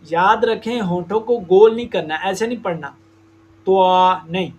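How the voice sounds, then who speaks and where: A man teaching Quran recitation, explaining slowly and stretching out demonstrated sounds. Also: sits high, a little mellow, muffled recording, slight background noise. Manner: slow, deliberate explanation with drawn-out demonstrated sounds. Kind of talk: tajweed lesson.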